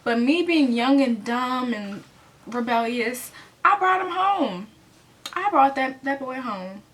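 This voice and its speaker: A woman's voice: high-pitched, expressive, slow, fairly bright tone. A twenty-year-old American woman tells a personal story in a casual, rambling way, full of fillers and self-corrections. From United States. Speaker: vlogger telling a storytime.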